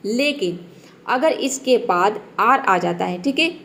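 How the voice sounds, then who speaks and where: A woman's voice: medium pitch, animated, slow, fairly bright tone. A woman who speaks Hindi natively, giving a patient step-by-step phonics lesson as an English teacher and checking in after each point.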